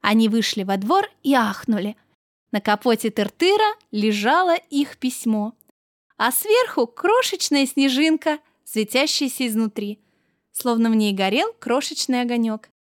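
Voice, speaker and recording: A woman reads a children's tale aloud with warmth and gentle expression. Her voice is somewhat high and recorded close, with no trace of room sound. The delivery is soft and storybook-like. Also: animated, a little slow, no room sound. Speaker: narrator.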